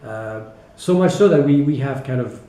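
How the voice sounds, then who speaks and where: This interview features a teacher with a French accent whose mellow, medium-pitched voice is animated and moderately paced. His answers are reflective and explanatory, delivered hesitantly with frequent short tags, in an echoey, roomy space.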